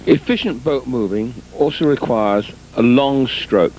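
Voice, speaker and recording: A male coach offers instructional commentary over footage, measured and deliberate, in short phrases with pauses. The recording is an old VHS tape, noisy and muffled with rumble.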